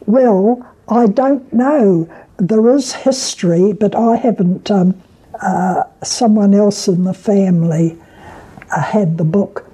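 An elderly woman with a New Zealand accent and a husky voice, reminiscing haltingly as she is interviewed at home. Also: medium pitch, mellow, rough recording. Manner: halting, reminiscing, with repeated words and pauses. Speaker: oral history interviewee. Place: at home, indoors.

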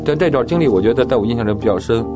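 A man's voice: mid-range voice, animated, very fast. A man telling his own story in casual talk, acting out the dialogue as he goes, with guitar music behind him.

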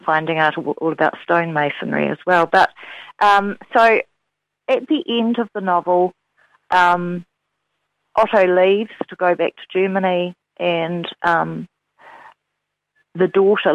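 A woman's voice: on the low side, no echo. Hesitant woman novelist. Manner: hesitant, many fillers and restarts. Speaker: novelist guest. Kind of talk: interview and reading from her novel. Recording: dull, lo-fi sound.

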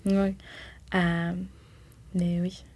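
A woman's voice: lowish voice, level tone, extremely slow, darkish tone. A woman with a Toulouse accent, chatting as an interview guest, laughing often and sometimes searching for words. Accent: Toulouse French. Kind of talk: casual conversational interview.

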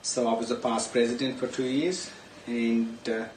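A man's voice: mid-range voice, level tone, normal speed. Punjabi-accented man in echoey room. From Punjab, India. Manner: hesitant, many uhs. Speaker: association member. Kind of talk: casual self-introduction. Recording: echoey room, distant mic, noisy.

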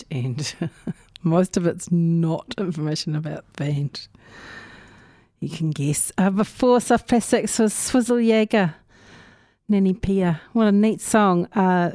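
Between tracks on her community radio show, a New Zealand woman muses in relaxed, off-the-cuff asides. Her voice is low and warm, recorded close-miked in a dry, clean studio.

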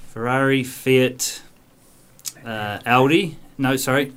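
A man's voice: mid-range voice, steady tone, slow pace, a bit bright, clean tone. A man playing along in a radio quiz, joking and thinking aloud as he tries to answer. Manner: jokey, laughs easily, thinks aloud. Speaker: radio show co-presenter, quiz contestant. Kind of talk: casual radio banter.

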